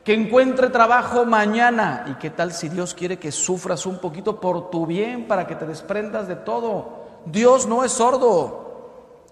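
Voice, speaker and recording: A Mexican man in his fifties, a priest giving a lively, conversational sermon with acted-out jokes. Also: high-pitched. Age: 50s. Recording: echoey hall reverb.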